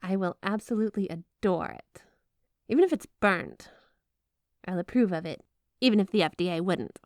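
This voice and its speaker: A woman with a medium-pitched, darkish, natural voice speaks at normal speed in a clean studio recording with no room sound. Addressing the listener in an ASMR roleplay, she plays a flirty, obsessive yandere snow spirit wife who is gushing, coy, sweetly doting and playfully suggestive.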